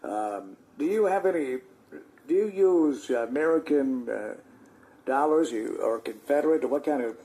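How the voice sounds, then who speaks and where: A man hosting a live call-in show on the radio, talking in a joking, folksy and halting way. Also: medium pitch, expressive, warm tone, low-quality recording.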